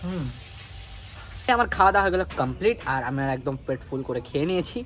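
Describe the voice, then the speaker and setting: Rapid-talking young man. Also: on the high side, animated, a bit bright, a little hiss or hum. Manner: rapid chatty talk, addresses viewers as guys. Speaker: daily vlogger. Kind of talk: casual vlog chat to viewers.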